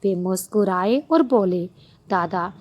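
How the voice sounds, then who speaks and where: A woman narrating a devotional story in an expressive reading voice. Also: medium pitch, measured pace, dull audio, soft background music.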